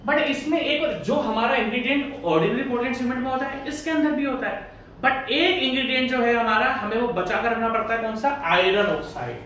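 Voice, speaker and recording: A man teaching an exam-prep class in a chatty, easygoing way. He keeps posing questions and answering them himself. His high voice comes from some way off the mic in a very echoey room, with faint background hiss. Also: fairly quick, a bit bright, recorded from a distance. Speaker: engineering exam tutor. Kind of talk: casual Hindi lecture.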